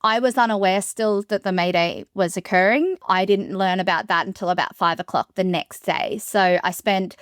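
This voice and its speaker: A woman who is a solo sailor, telling the story of her ordeal in an interview in a steady, matter-of-fact way. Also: medium pitch, normal speed, hardly any pauses, dry recording, studio quality.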